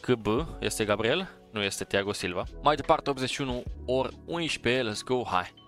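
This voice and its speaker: A man's voice: medium pitch, fairly bright tone, soft background music. Eager man narrating pack openings. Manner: eager, urging, sprinkles English exclamations. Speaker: gaming streamer opening packs. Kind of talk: casual pack-opening commentary.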